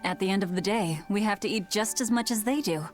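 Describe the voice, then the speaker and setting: An actress playing a guarded, stern young woman warrior in a video game, speaking in a curt, measured way. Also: medium pitch, close to an everyday voice. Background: game music.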